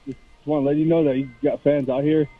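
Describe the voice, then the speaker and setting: A man calls in over the phone, his voice squeezed into a narrow, tinny band and sounding dry and close. He sits a little high for a man and rambles along haltingly with plenty of fillers. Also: little pitch movement, no room sound. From Navajo Nation, Arizona. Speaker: caller. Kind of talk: casual call-in chat.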